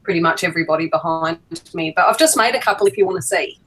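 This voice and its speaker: A woman's voice: on the low side, fast, fairly bright tone, slight background noise, rough recording. A woman who makes dolls, chatting casually over a video call and telling little anecdotes with a laugh in her voice. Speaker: doll maker guest.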